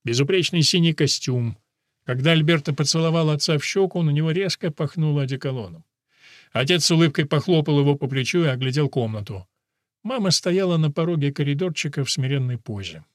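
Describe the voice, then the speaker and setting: A male narrator reads a novel in a measured, steady manner. His voice sits on the high side for a man. It is captured close and dry, with no room sound. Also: dry recording. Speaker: audiobook narrator. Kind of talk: scripted narration.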